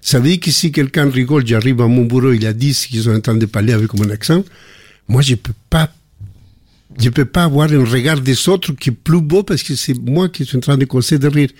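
An older man with a foreign accent speaks in a husky voice. He tells anecdotes with many restarts and repeated words. The sound is close and dry. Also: mid-range voice, fairly quick, dry recording. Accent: foreign accent in French. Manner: warm anecdotal storytelling with frequent restarts. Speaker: guest. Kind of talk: casual conversation.

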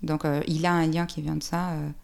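A Brazilian woman, a poet, speaks French with a Brazilian Portuguese accent as she answers interview questions. Her voice sits low and darkish with vocal fry and little pitch movement, and she talks a little fast. She's thoughtful and hesitant, full of fillers and restarts.

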